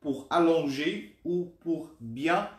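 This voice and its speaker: A man's voice: a little high, expressive, slow. A man explaining things to live viewers as an agent, courteous and formal, often repeating words as he searches for them. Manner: courteous, formal, hesitant repetitions. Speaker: medical travel agent. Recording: echoey room.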